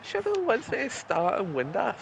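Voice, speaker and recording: Low, gravelly guy with an animated delivery, for a gaming chat, on lo-fi audio. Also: normal speed, a little hiss or hum. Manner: explains game mechanics with many ums. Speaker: streamer playing with friends. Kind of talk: casual chat while gaming.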